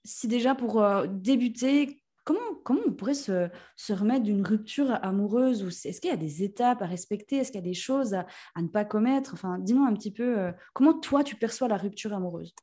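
A woman podcast host with a Swiss French accent from the Jura, chatting casually and lively, with many fillers. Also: mid-range voice, brisk, hardly any pauses. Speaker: podcast host, nutrition therapist. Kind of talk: casual interview chat.

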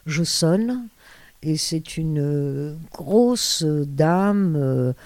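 A woman's voice: sits low, lively intonation, drawn-out words, darkish tone, no echo. An older woman, a former radio host, telling rambling stories with many hesitations and restarts in an interview. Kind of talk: anecdotal storytelling.

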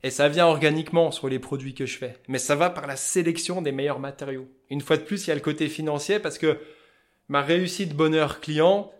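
A man with a Vosges accent, a fly-tying business owner talking loudly and passionately as an interview guest. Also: a little high, a little fast. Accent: Vosges French. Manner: loud, passionate, talkative. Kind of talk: casual interview chat.

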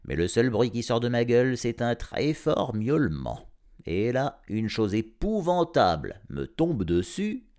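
A man reading an audiobook aloud, narrating as a grumpy cat in a sardonic, animated first-person voice. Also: mid-range voice, unhurried. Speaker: storyteller.

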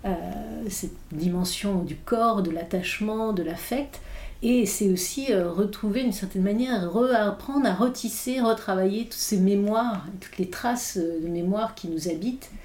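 This thoughtful interview features a woman philosopher, a native English speaker, whose medium-pitched voice is a little mellow and unhurried. Her reflective talk is full of pauses, hesitations and restarts, heard in an echoey room.

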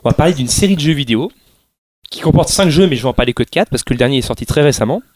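A man's voice: medium pitch, lively intonation, rapid-fire, a little mellow. A man hosting a casual chat, explaining things at length with frequent restarts and laughs. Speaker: podcast host presenting a game series.

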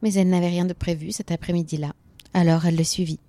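A woman reads a children's story aloud, clear and expressive. Her voice sits on the low side for a woman, and she narrates at an easy pace. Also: fast.

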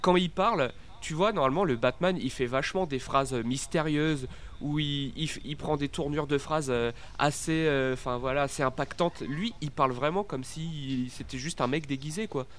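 A man with a fairly high voice talks casually about a film, adding fillers as he goes. A faint noise sits under the recording. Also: moderate pace, fairly bright tone. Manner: chatty, frequent fillers.

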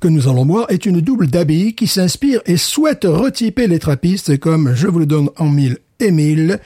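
Playful man with a dark dry voice. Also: a little high, expressive, normal speed, husky, no echo. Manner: playful, punning, self-mocking. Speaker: podcast co-host presenting the beer. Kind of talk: casual beer podcast chat.

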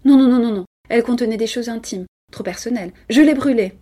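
A woman's voice: fairly high pitch, fast talker, dark tone, breathy edge, pitched above the performer's own voice. A woman reading aloud and voicing an anxious, tormented society woman under a hypnotic spell, pleading and stammering. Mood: anxious, insistent.

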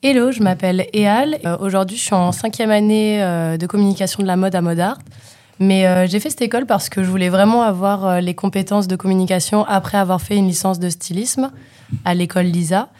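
A young woman in her twenties, a fashion student, talking casually and filling her pauses with hesitations. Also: medium pitch, steady tone, warm tone, dry recording. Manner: chatty, many fillers. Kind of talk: casual spoken testimony.

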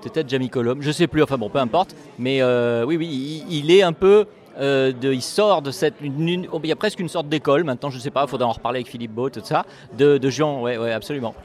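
A man's voice: medium pitch, fast, hardly any pauses, darkish tone. A male interviewer asks long, winding questions of a musician. He stumbles over his words, repeats himself and circles back before landing on his point.

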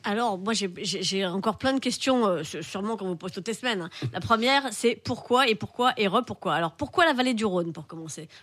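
Halting woman co-host, dry sound. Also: mid-range voice, animated, fairly bright tone, no echo. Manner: halting, stumbling questions. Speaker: radio co-host. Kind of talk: radio interview.

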